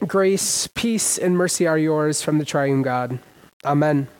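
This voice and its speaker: A man preaching a sermon as pastor, emphatic and casual, with sudden loud rises and everyday slang. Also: a little high, slow, clean tone, faint music behind, low-quality recording.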